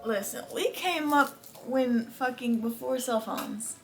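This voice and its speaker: Casual female host, higher-pitched, slangy and emphatic, music behind her. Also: takes it slowly, a bit bright. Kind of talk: casual chat.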